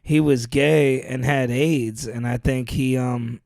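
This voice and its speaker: A man's voice: medium pitch, steady tone, slow pace, vocal fry, darkish tone, no room sound. A man as a podcast guest, casually telling loose, rambling stories and saying "dude" often, on a close mic. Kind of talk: casual chat.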